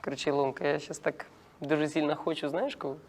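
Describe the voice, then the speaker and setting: Sketch comedy: a man doing a high, shrill, gossipy cleaning lady, echoey room. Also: little pitch movement, fast, darkish tone, natural voice. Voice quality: shrill put-on female voice, surzhyk speech. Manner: chatty, giggly, exaggerated. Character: gossiping middle-aged woman, parliament cleaner. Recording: echoey room with faint noise.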